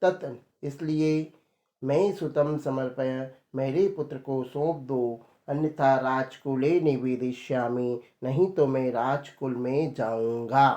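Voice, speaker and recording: Slow male teacher, echoey room. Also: mid-range voice, fairly even intonation, mellow. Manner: slow, reads a line then explains it word by word. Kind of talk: line-by-line Sanskrit lesson explained in Hindi.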